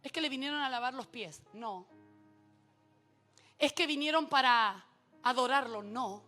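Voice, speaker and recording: Woman preacher, very high, bright voice, slow deliberate sermon delivery, swings from hushes to shouts. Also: faint music behind. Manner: addresses the congregation directly, calls for responses.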